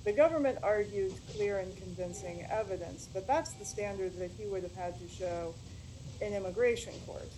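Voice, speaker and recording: A woman attorney delivers a formal oral argument at an ordinary pitch, pausing on ums and restarting phrases. Her voice drifts from a distant microphone. The hearing audio carries a clear layer of background noise. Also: dark tone. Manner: hesitant, frequent ums and restarts. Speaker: attorney arguing an appeal. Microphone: distant microphone, voice fading in and out. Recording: noisy courtroom hearing audio, distant mic.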